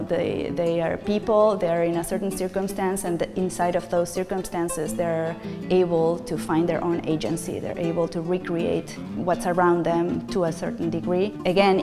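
Argentine woman talking in a bright gallery. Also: lowish voice, in a large hall. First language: Spanish. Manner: earnest, reflective, gestures as she talks. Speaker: visual artist. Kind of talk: gallery talk to camera. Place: large bright art gallery indoors.

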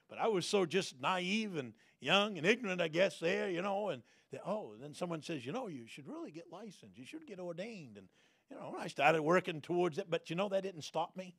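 A man preaching a folksy sermon, repeating phrases and sometimes bursting into loud shouted prayers. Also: sits high, lively intonation, normal speed, slightly rough, no echo, studio quality.

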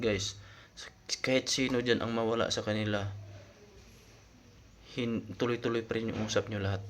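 In a casual explainer vlog, a lowish-voiced man breaks things down step by step and speaks informally to his viewers. There's slight background noise.

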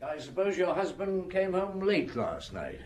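An actor in a radio drama playing a shrewd, unhurried chief inspector with a dry, measured, authoritative manner. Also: male voice, sits high, sing-song, a little mellow, exaggerated voice. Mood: probing, composed.

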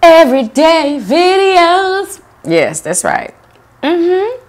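Woman, mukbang host, giggly casual chat, very animated voice. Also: extremely high pitch, extremely slow. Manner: chatty, giggly, reads viewer comments aloud. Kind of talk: casual chat while eating on camera.

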